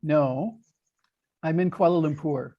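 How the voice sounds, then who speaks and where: A man's voice: fairly high pitch, slow pace, muffled recording. American guy chatting on a video call, laid back, asks lots of questions. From United States. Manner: relaxed, friendly, asks questions patiently. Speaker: host of an online English conversation class. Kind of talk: casual video-call chat.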